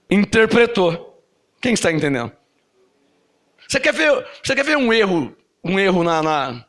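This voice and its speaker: A man with a Brazilian Portuguese accent preaching a sermon to a congregation, animated and often asking them questions. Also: sits high. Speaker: apostle preaching. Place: church service.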